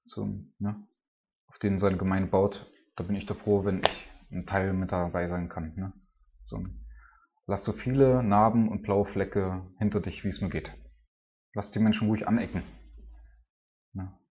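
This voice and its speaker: Low-voiced man preaching casually, lo-fi. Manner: colloquial, halting, heavy on filler words. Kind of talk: informal sermon and spoken prayer.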